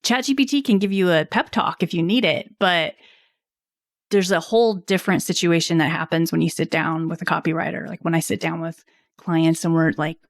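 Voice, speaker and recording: A woman's voice: on the low side, steady tone, fairly quick, dry recording. Woman copywriter guest, dry close sound. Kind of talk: casual interview chat. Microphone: video call.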